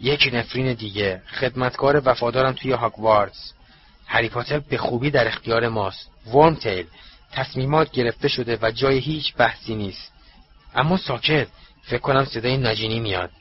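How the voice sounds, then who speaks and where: A man voicing a cruel, ruthless dark master who speaks in a cold, contemptuous, husky voice. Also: mid-range voice, dull audio, lightly acted. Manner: cold, slow and menacing, contemptuous. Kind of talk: audiobook character voice.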